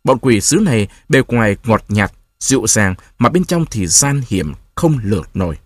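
A man's voice: on the low side, animated, normal speed, no room sound, studio quality. A man narrating an audiobook expressively.

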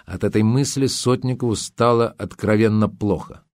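Low-voiced man reading a novel. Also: moderate pace, a little mellow, dry recording, studio quality. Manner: dramatic reading with voiced dialogue. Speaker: audiobook narrator. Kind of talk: scripted narration.

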